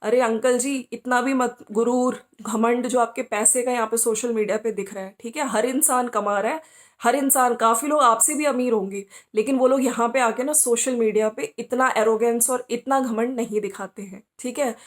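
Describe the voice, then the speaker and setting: A woman's voice: on the high side, normal speed. A woman hosting a podcast who comments on social media gossip, scolding the people she talks about directly and asking them rhetorical questions. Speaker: podcast host.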